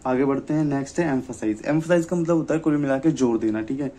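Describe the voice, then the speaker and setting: A young man giving an exam-prep lecture, often asking himself questions and checking "okay?", reading English definitions slowly. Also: mid-range voice, dark tone. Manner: repeats "ठीक है" and rhetorical questions. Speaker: teacher.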